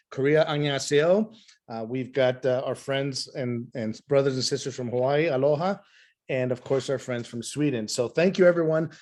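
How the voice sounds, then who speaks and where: Over a video call, a middle-aged man presents in an emphatic, repetitive sales style. His medium-pitched voice is a little mellow but hoarse from talking nonstop.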